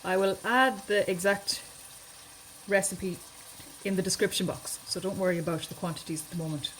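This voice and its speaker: A woman's voice: medium pitch, steady tone, moderate pace, fairly bright tone, a little hiss or hum, low-quality recording. A woman hosting a home cooking video, chatting casually and thinking aloud as she cooks in her kitchen. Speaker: home cooking channel host.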